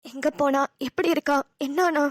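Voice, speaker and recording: A woman's voice: high-pitched, steady tone, normal speed, dry recording, studio quality, close to an everyday voice. A woman voicing an affectionate, wistful middle-aged mother in a cartoon, with a motherly, scolding tone. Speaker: voice actor. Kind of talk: cartoon dialogue acting.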